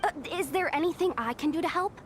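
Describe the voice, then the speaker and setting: A woman's voice: extremely high pitch, fast, a little hiss or hum. A woman voicing an eager, loyal young employee in a video game, earnest and chatty, anxious to please. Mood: eager, flustered. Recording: music behind the voice.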